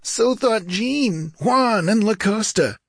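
A gloomy, frightened bandit, voiced by a man reading aloud in a storybook. The voice sits high above the narrator's own, strained and fearful. It has a husky, breathy edge, recorded close and dry. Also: expressive, takes it slowly, no room sound, heavily acted. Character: frightened, superstitious male bandit.

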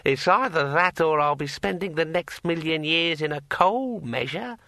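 A man voicing a pushy talking magic sword in a high, ringing, drawn-out voice. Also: expressive, pushed and bright, no room sound, studio quality. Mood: bossy. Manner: slow and drawn out.

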